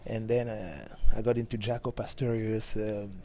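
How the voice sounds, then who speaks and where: A middle-aged man from Cameroon, a bassist talking casually in an interview with many halting restarts. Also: little pitch movement, mellow, a little hiss or hum. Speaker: guest bassist.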